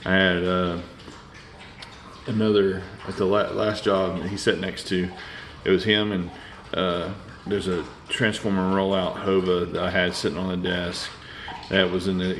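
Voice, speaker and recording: A man in his forties talks with a drawl, his voice sitting very low. He rambles loosely, filling gaps with "uh" and restarting sentences. A faint hiss runs under the recording. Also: fairly bright tone. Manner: rambling, many fillers and restarts. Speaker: toy reviewer. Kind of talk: casual unscripted review.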